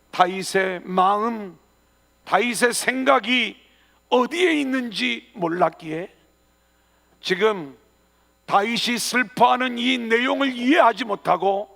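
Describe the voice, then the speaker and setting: Male pastor, earnest sermon delivery, very high and gravelly, church hall reverb. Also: fairly bright tone. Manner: earnest preaching with emphatic rising phrases. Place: church sanctuary.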